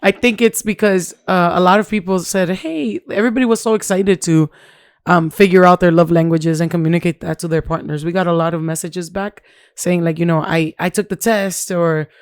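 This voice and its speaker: A woman in her thirties co-hosting a podcast, talking in an animated, chatty way and slipping in Spanish phrases. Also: on the low side, a little fast, clean tone, no room sound, clean studio sound. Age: 30s. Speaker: podcast co-host. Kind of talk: casual chat.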